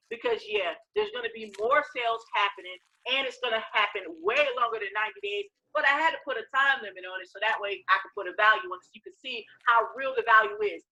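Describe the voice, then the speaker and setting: A woman giving a live sales training pitch as presenter, emphatic and repetitive, checking in with listeners with short questions. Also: bright, forceful tone, rough recording.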